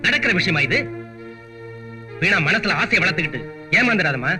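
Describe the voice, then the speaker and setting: An actor playing a proud but poor father who speaks gravely and pleads. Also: sits high, big pitch swings, moderate pace, bright, forceful tone, faint music behind, heavily acted.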